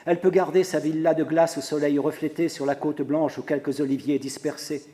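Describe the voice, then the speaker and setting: A man reading a literary text aloud in a measured, even way. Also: on the high side. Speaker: reader.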